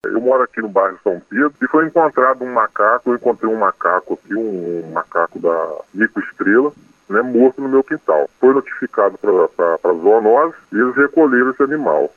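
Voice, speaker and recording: Disguised voice from a voice changer, halting repeats, tinny distant phone line. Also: medium pitch, lively intonation, no echo. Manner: halting, repeats words while describing. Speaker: anonymous radio listener.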